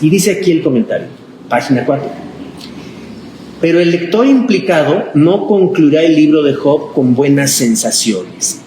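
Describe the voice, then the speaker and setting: A man, a pastor leading a conversational Bible study class, asking the group questions and acting out the voices he quotes. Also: mid-range voice. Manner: chatty and animated, acts out quoted voices, asks the class questions. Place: church classroom. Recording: echoey room with background noise.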